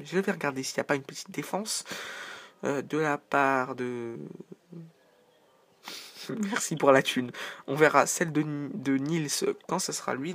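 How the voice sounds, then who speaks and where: A man's voice: on the high side, fairly bright tone. Chatty young-sounding man. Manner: chatty, joking, rambling asides. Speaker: video game commentator. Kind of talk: casual gameplay commentary.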